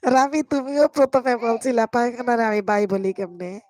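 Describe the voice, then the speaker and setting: A woman hosting a casual live stream and reading out comments, hoarse from a cold, laughing a lot and drawing her words out. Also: on the high side, fairly even intonation, a little mellow, dry recording, studio quality. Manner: laughs a lot, slow and drawn-out.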